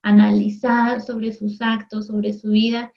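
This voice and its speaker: A woman's voice: medium pitch, flat delivery, gravelly, muffled recording. A woman teacher giving a lesson for television in a conversational way, often checking in with her students. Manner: acts out everyday voices in quick asides. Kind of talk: recorded classroom lesson for TV.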